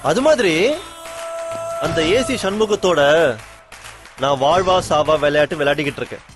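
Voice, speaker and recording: A man's voice: a little high, animated, normal speed, lightly acted. An actor playing a scheming, taunting male kidnapper in a TV serial who laughs often and mixes in English words, with music behind. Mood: gloating. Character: mocking male kidnapper villain, scheming and gloating. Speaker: villain in a TV serial. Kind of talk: TV serial acting.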